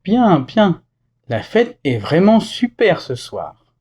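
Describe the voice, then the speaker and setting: A man narrating a scripted French lesson, explaining vocabulary with clear example phrases. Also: high voice, sing-song, takes it slowly, darkish tone, highs cut off. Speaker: French teacher.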